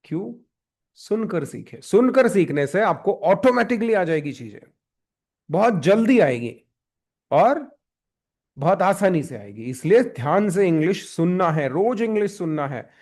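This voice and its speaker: High-voiced man teaching a class. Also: sing-song, unhurried, darkish tone. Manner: questioning, coaxing students. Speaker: spoken English teacher.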